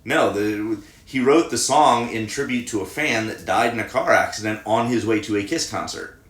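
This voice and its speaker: A middle-aged man with a bright, forward voice speaks hesitantly, full of uhs, and drops dry jokes. The sound carries a roomy echo. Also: lowish voice, moderate pace. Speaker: co-host, father. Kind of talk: casual chat.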